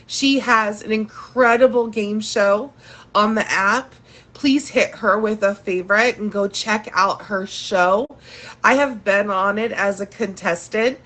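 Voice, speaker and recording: A woman hosts a casual live show in a bright, forward voice. Her nose is blocked, so she sounds congested and nasal. She takes her time as she chats to her audience and thanks them again and again. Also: a little high. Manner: effusively thankful, addresses audience as "you guys". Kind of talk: casual livestream chat to viewers.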